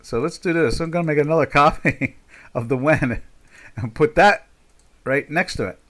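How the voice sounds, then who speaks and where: His pitch is fairly high and his tone a bit bright, with speech at a normal speed. This sixty-something market trader from South Jersey's Pinelands runs a live trading stream in a chatty, rambling way, filling it with fillers and his local accent.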